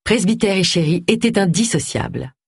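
A woman narrating an audiobook in an expressive, lively reading. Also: mid-range voice, normal speed, slightly rough, dry recording, clean studio sound.

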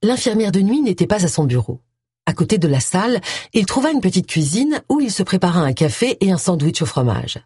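A woman reading a story aloud as an audiobook narrator, with a steady, even delivery. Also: lowish voice, brisk, breathy edge, no echo. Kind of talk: scripted narration. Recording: dry close studio sound.

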